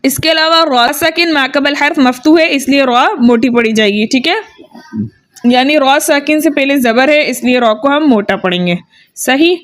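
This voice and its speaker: Woman, tajweed teacher, patient and repetitive, high voice. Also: normal speed. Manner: patient, repeats each sound twice, checks with "theek hai". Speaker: Quran recitation teacher. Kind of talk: tajweed lesson with drilled letter sounds.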